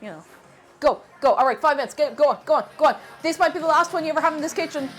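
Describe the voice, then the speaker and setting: Soft background music plays as a high-pitched Irish woman, sniffly from a cold, talks rapid-fire to viewers while cooking on a live stream. She's chatty and animated and gives her viewers warm thanks.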